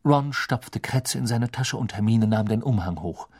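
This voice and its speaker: A man narrating a storybook audiobook in an expressive, measured way. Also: mid-range voice, breathy edge. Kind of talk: scripted narration.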